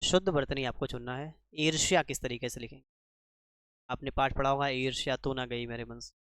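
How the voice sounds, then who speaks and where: A man's voice: medium pitch, steady tone, fairly quick, a bit bright, clear, resonant tone, no room sound, clean studio sound. A man teaching a spelling lesson for exam preparation, quizzing the class with rhetorical questions and repeating each answer. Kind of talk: exam-prep grammar lesson.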